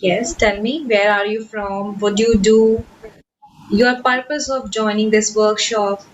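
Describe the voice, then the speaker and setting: A woman's voice: mid-range voice, fairly even intonation, measured pace, lo-fi sound, a little hiss or hum. A young woman from Kolkata with an Indian English accent, hosting a spoken English workshop over a video call in a chatty, encouraging way. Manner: encouraging, chatty, with fillers and restarts. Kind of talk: online class, casual teaching talk.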